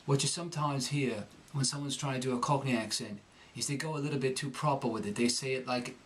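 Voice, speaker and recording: Man, mid-pitched voice, coach, conversational teaching, explains pronunciation step by step. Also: fast talker, a bit bright. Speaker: accent coach. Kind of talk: instructional lesson with pronunciation demonstrations.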